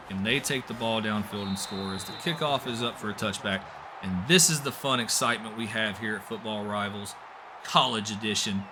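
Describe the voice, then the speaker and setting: A young man doing live play-by-play commentary on a simulated football game, getting excitable on big plays. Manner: excitable, voice jumps high and loud on big plays. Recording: music playing behind the voice.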